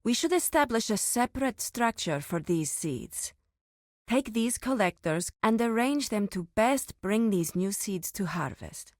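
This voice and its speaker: Oshabi, an actress as a slow-spoken, reverent grove priestess. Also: female voice, mid-range voice, animated, no echo, studio quality, close to an everyday voice. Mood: calm, instructive. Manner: measured, reverent, mystical, formal phrasing. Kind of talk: scripted video game character dialogue.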